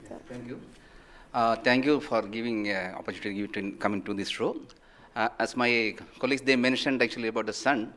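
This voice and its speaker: A man's voice: mid-range voice, steady tone, fairly quick, fairly bright tone. A man scientist with an Indian English accent answering on air, leaning heavily on the word actually. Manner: uses 'actually' often, emphatic. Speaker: payload scientist. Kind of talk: live broadcast interview answer.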